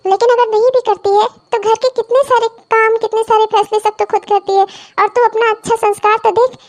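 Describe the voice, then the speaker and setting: A woman voicing a kindly elderly mother-in-law in a cartoon comedy, affectionate but firm and given to moralizing. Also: very high-pitched. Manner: affectionate, scolding, sermonizing.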